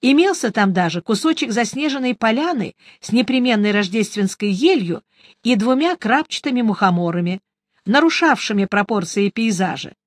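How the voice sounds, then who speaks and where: Audiobook reader, first-person story, wry lively telling, dry close recording. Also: medium pitch, moderate pace, no echo. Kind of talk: first-person scripted narration.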